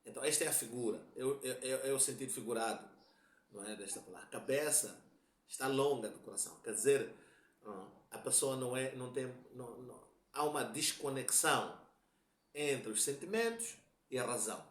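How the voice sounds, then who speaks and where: A man's voice: mid-range voice, expressive, brisk. Man, Mozambican Portuguese accent, religious lecture, patient explaining, repeats key points, echoey room. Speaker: religious teacher.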